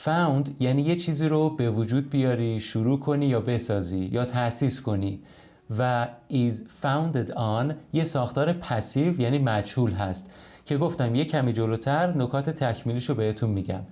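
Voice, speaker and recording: Male language teacher, mellow voice, explains patiently, models words slowly. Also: mid-range voice. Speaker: English teacher.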